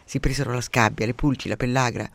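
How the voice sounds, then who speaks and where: A man narrating a story for radio in a dry, measured way. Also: mid-range voice, fairly even intonation, creaky, a bit bright.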